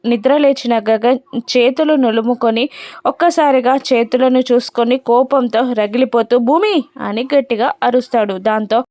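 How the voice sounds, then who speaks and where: A woman retelling a TV serial episode in a steady, descriptive storytelling manner. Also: a little high, moderate pace, no room sound. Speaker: serial recap narrator.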